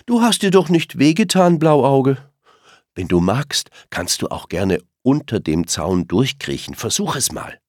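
Man voicing a gentle mother deer. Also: rumbling low, big pitch swings, measured pace, no room sound, clean studio sound, exaggerated voice. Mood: soothing. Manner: soft, soothing.

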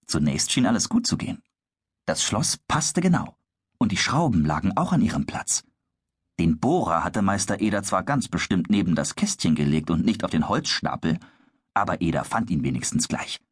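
A man narrating a children's story in a calm, measured storytelling manner. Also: lowish voice, husky, dry recording, studio quality.

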